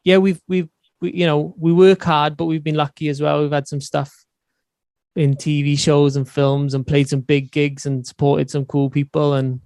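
Swansea man, smooth, higher-pitched voice. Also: flat delivery, moderate pace, darkish tone, no room sound, clean studio sound. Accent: Swansea Welsh. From Swansea, Wales. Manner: matey, informal, peppered with "you know". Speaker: podcast guest, band musician and songwriter. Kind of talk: casual interview chat.

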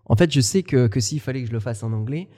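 Dark-voiced French man, halting. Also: mid-range voice, husky, big-room sound. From France. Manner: thoughtful, halting, many restarts. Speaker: podcast co-host. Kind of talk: casual conversation.

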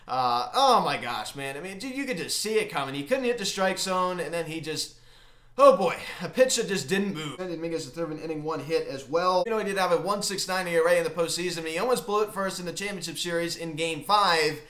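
A man hosting a casual sports recap, talking in a halting, emphatic fan's manner, recorded in an empty closet. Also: on the high side, lively intonation, a bit bright. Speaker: sports recap video host. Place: empty unfurnished closet in a home. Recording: echoey small bare room.

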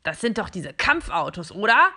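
A woman voicing a small, excitable and scatterbrained plastic toy man. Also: mid-range voice, moderate pace, exaggerated voice. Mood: excited.

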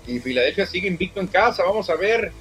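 A man's voice: sits high, animated, quick pace, faint music behind. A man giving casual radio baseball commentary, chatty and emphatic. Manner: chatty, emphatic, tags lines with "¿eh?". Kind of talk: casual radio sports talk.

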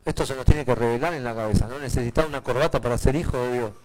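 A male pastor with a Rioplatense accent preaching a sermon, swinging from hushed asides to loud, emphatic declarations. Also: medium pitch, racing, rough recording. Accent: Rioplatense Spanish.

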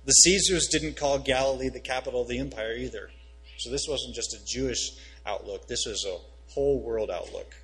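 A man, a pastor reading scripture and preaching a sermon, rising in pitch and volume on key phrases. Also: normal speed, a bit bright, faint music behind, poor audio.

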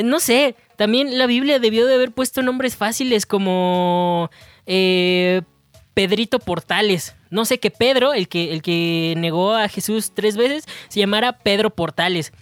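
A man's voice: high voice, a bit bright, no room sound. Guy riffing in a comedy monologue, rambly, swears a lot, lots of ehs. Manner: rambling, crude, hesitant with many fillers. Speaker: comedy podcast host.

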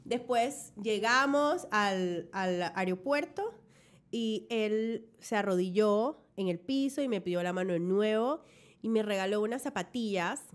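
A young adult woman, telling a story in an effusive, animated way as a guest in casual chat. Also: medium pitch, measured pace.

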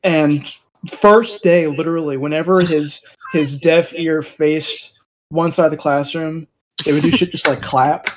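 A young man co-hosting a casual chat, telling relaxed anecdotes and swearing casually. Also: on the high side, measured pace, slight background noise, poor audio. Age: young adult. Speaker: podcast co-host.

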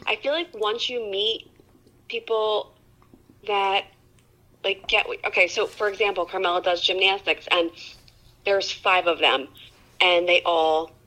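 Blunt, bright-voiced mom. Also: female voice, medium pitch, steady tone, unhurried, long pauses, poor audio. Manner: blunt, swears freely. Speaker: mom friend listening. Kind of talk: casual phone chat.

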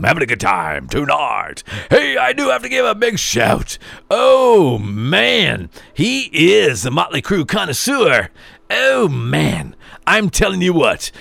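A man's voice: sits high, gravelly, pushed and bright, no echo. A middle-aged man hosting a rock radio show, exuberant and rambling, full of slang. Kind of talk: energetic radio show talk.

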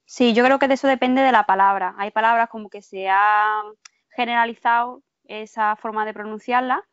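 A woman with an Andalusian accent answers in short, plain sentences. Her voice sits a little high, and the recording sounds slightly dull. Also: fairly even intonation, normal speed, fairly bright tone, smooth. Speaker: guest speaker.

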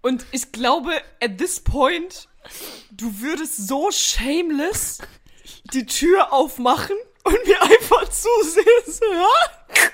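A woman's voice: high-pitched, takes it slowly. Young woman co-host, laid-back chat. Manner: relaxed, mixes in English words, laughs along. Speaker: podcast co-host. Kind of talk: casual podcast chat.

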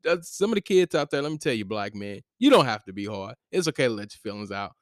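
A man's voice: fairly low pitch, sing-song, fast, dry recording, studio quality. A young man from the St. Louis area, co-hosting a podcast and telling stories in a loose, slangy way. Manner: laid-back storytelling, slangy, laughs often. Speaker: podcast co-host. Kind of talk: casual podcast chat.

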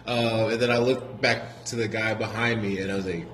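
A man's voice: fairly low pitch, fairly even intonation, moderate pace, a bit bright, a little hiss or hum. A man in casual chat with friends, swearing, laughing a lot and acting out the voices in his stories. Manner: laughs often, profane, acts out voices. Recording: echoey room with crowd behind.

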